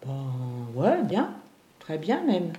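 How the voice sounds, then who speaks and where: A woman's voice: fairly low pitch, huge pitch swings, takes it slowly, dark tone, dull audio, heavily acted. An actress playing an awkward, subdued wife in her sixties in a naturalistic radio drama, making hesitant small talk in a roomy recording. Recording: roomy, noisy covert-style recording.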